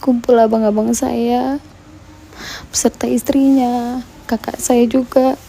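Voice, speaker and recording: High, gravelly woman. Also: level tone, warm tone, slight background noise. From Medan, Indonesia. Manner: halting, fragmented recounting. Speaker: mother filing a police report. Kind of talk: personal account for a news report.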